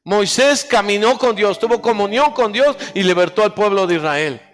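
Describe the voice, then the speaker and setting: In a church hall, a male pastor with a high-pitched voice preaches at a moderate pace, urging the congregation to echo his phrases back. The recording carries the hall's reverb, with faint music behind him.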